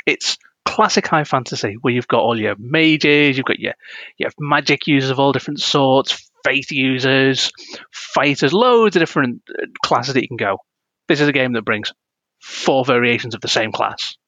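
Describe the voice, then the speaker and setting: Gaming-podcast co-host, young man, bright forceful tone, dry close sound, rants and jokes. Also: medium pitch, moderate pace, no room sound, lo-fi sound. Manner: ranting, self-deprecating, laughs often. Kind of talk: casual gaming podcast chat.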